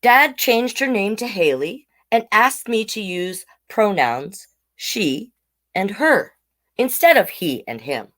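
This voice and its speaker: A woman with a medium-pitched, slightly bright voice reads a picture book to young listeners at a slow pace, sounding very animated. She's a children's storytime host who adds chatty, simple asides. Her explanations often end in tag questions.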